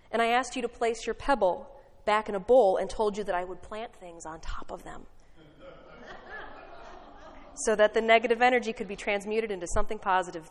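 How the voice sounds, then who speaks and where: A woman pastor giving a sermon, telling a story in an animated, wry way. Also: medium pitch, big-room sound.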